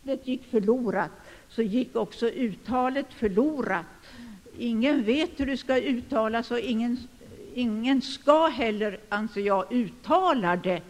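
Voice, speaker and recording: An older man preaching a sermon, speaking emphatically and rising to sudden loud declarations. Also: very high voice. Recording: long hall reverb.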